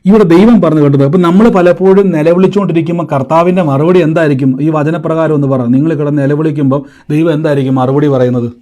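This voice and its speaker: A man's voice: a little high, steady tone, fast, few pauses, mellow. A man from preaching a sermon, asking the congregation questions and waiting for their answers.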